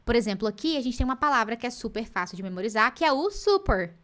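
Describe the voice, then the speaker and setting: A woman's voice: a little high, animated, fast, fairly bright tone. A woman with a Brazilian Portuguese accent teaching English in a live online class, playful and teacherly, dropping in English example sentences.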